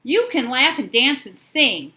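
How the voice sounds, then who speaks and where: A woman voicing a stern, hard-working male little pig in a storybook, chanting in an emphatic, measured way. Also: mid-range voice, animated, fairly bright tone, slight background noise. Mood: stern, resolute. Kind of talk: storybook character voice.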